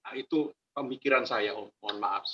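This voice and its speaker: A man's voice: medium pitch, fairly quick, fairly bright tone. A man taking part in an online Bible discussion who raises his thoughts politely and hesitantly, with apologies. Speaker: discussion participant. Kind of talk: casual discussion. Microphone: video call. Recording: dull lo-fi call audio.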